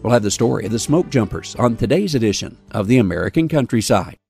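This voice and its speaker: A man hosting and narrating a radio feature story in a measured, scripted delivery. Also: mid-range voice, expressive, vocal fry, a little mellow, faint music behind. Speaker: radio program host and reporter.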